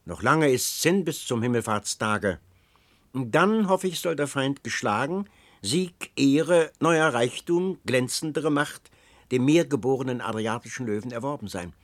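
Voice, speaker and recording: A man's voice: mid-range voice, animated, a little slow, a bit bright, dry recording. A man reading aloud, voicing an eighty-year-old Venetian doge who grumbles and cuts in impatiently, in a storybook reading. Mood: grand. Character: aged male Venetian doge, gruff and impatient.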